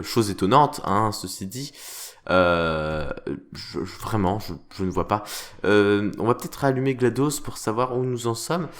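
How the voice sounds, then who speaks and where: A man hosting a semi-roleplay game video, commenting in a mock-formal, theatrical way with many hesitations. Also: lowish voice. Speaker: let's play host.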